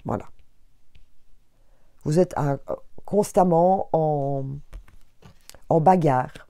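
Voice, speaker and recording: A woman with a Belgian French accent chats through a tarot reading for her viewers, with frequent fillers and restarts. Her voice sits low and warm, and the recording is close and dry, with no room sound. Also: very slow, no echo. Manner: chatty, addresses viewers directly, many fillers and restarts. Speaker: tarot reader. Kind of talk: casual astrology card reading to viewers.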